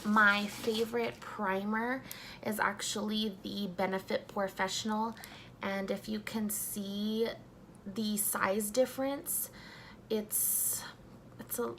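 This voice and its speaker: A young woman doing a casual makeup review at home, talking softly and a little sleepily as she applies primer. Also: medium pitch, steady tone, slow, slight background noise. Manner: soft-spoken, just woken up. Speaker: beauty vlogger.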